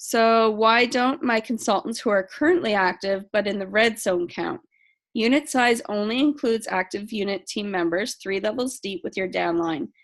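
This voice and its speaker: A woman's voice: medium pitch, moderate pace. A woman casually walking a sales team through program rules, reading questions aloud and answering them with frequent ums. She says she is losing her voice. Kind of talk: casual training talk.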